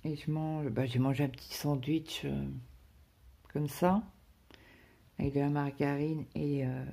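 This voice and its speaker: A woman's voice: sits low, fairly even intonation, measured pace, gravelly, mellow, slightly rough. A woman chatting casually to her viewers about her day, rambling, with many fillers and restarts. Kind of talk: casual personal chat to viewers.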